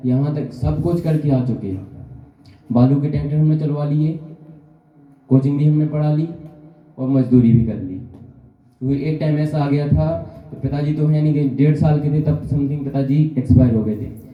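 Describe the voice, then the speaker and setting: A man's voice: fairly high pitch, normal speed, pauses often. Man, motivational testimonial speech, storytelling with acted-out dialogue, echoey hall, muffled sound. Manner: storytelling, acts out dialogue and asks rhetorical questions. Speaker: speaker at a business seminar. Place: meeting hall at a business center.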